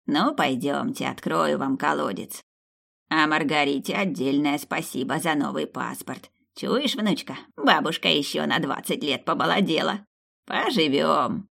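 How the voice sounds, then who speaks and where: A woman voicing an old village grandmother witch who speaks slowly and chants spells in an audiobook. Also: deep voice, vocal fry, a bit bright, slightly rough, exaggerated voice. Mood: kindly. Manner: slow, chanting incantations. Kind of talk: audiobook character voice.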